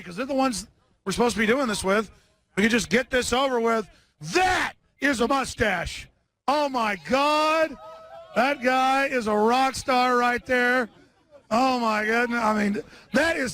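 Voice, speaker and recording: A man's voice: very high-pitched, pushed and bright. A man hosting a live broadcast from an outdoor rally. He rambles sarcastically, sounds tired, and trips over his words. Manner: sarcastic, scattered, lots of restarts. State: short on sleep. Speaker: live-stream host.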